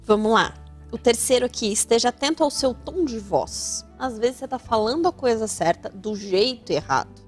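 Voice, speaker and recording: A woman's voice: a little high, lively intonation, moderate pace, soft background music. A woman with a Brazilian Portuguese accent hosting an advice talk show, speaking animatedly and acting out the voices she quotes. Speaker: radio host giving family advice.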